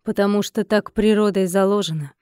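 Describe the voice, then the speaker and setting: A woman reading an audiobook and voicing a cold, commanding male mage lord who speaks in a calm, businesslike way. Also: mid-range voice, fairly quick, clean tone, no echo, studio quality, natural voice.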